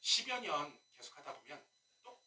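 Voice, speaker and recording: A male pastor preaches with a high, strikingly bright and forceful voice that swings widely in pitch. He keeps throwing rhetorical questions and wry asides at his congregation. The sound comes from a distance in an echoey church sanctuary. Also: big pitch swings, moderate pace, a little hiss or hum. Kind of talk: sermon. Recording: echoey room, mic at a distance.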